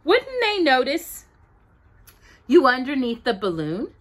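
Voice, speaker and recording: A woman voicing a gentle, bumbling male bear in a storybook reading, slow and wondering. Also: sits high, huge pitch swings, voice pushed up, full character voice. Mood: earnest.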